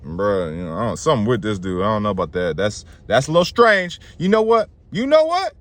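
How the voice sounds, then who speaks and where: A man's voice: on the low side, very animated, a little fast, no room sound. A man voicing a suspicious, scheming guru who needles the king in street slang. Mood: uneasy.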